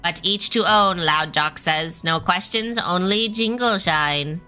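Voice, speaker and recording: A woman's voice: fairly low pitch, slow, pushed and bright, smooth, soft background music. A woman voicing a sly, guarded goblin merchant from a game, speaking in clipped, broken grammar.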